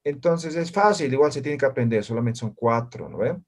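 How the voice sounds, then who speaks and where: Male language teacher, patient and explanatory, mid pitch, tags each point with a quick check-in. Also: animated. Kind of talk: online class teaching.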